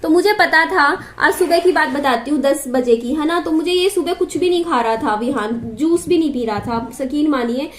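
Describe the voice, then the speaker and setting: A woman's voice: high-pitched, moderate pace, few pauses. A young woman vlogger telling a long everyday story to the camera in a chatty, repetitive way. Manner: chatty, repeats herself, asides to her child. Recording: echoey room.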